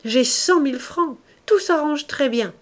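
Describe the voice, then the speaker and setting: A woman's voice: high voice, animated, measured pace, pitched above the performer's own voice. A woman voicing a fierce, domineering young woman in an audiobook of a classic novel, speaking in an imperious, threatening way. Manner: imperious and threatening, raises her voice. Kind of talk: audiobook character reading.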